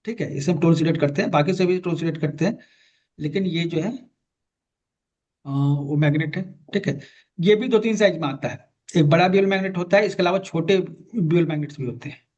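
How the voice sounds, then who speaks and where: A man's voice: on the high side, moderate pace, a little mellow. A man teaching an online class on magnet therapy, patiently repeating key terms and directing a student. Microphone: video call. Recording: dull lo-fi call audio.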